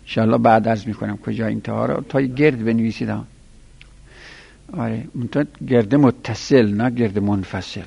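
A man teaching a class, counting out items one by one and spelling their letters slowly for students to write down. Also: fairly low pitch, vocal fry, dark tone, husky. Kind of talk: classroom lesson dictating Arabic verbal nouns. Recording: lo-fi recording in a reverberant room.

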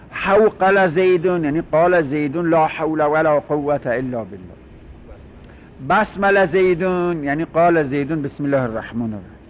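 A man's voice: on the high side, slight background noise. A man teaching a grammar lesson, explaining terms, repeating them and asking his students questions. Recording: dull lo-fi recording.

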